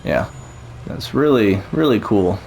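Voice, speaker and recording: A man's voice: fairly low pitch, animated, measured pace, vocal fry, background noise. A man chatting casually and encouragingly as he tours a theme park build, rambling with fillers. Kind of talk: casual chat over gameplay.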